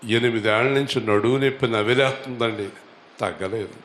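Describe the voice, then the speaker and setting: A male pastor preaching to his congregation. He asks them questions, has them repeat lines and rises to loud, high exhortation. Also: moderate pace. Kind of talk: Telugu church sermon. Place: church hall. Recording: echoey church hall.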